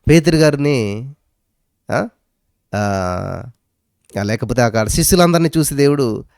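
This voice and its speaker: With a gravelly voice and lively intonation, a male pastor preaches unhurriedly in a clean studio recording with no echo. He hammers his points home through abrupt jumps and dips in pitch and loudness, occasionally switching into English phrases.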